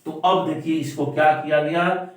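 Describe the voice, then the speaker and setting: Male teacher, fairly high voice, repetitive question-and-answer delivery, very echoey room, distant mic. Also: fairly even intonation. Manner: stresses words by repeating them slowly. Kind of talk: classroom-style explanation.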